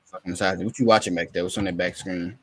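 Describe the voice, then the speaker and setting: A man's voice: low voice, steady tone, very fast. A young man in his twenties hosting a podcast, teasing and swearing in loose casual banter. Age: 20s. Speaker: podcast host.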